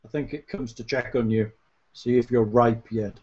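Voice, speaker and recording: A man's voice: mid-range voice, fairly even intonation, moderate pace, darkish tone, husky, dull audio, close to an everyday voice. A man voicing a frightened, paralysed male expedition survivor with a Yorkshire accent, speaking in a plaintive, worried way. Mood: fearful.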